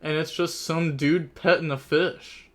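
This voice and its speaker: A man's voice: fairly high pitch, steady tone, measured pace, a bit bright. A young man casually commentating a card game tournament on a live stream, chatty and thinking aloud, repeating phrases and laughing often.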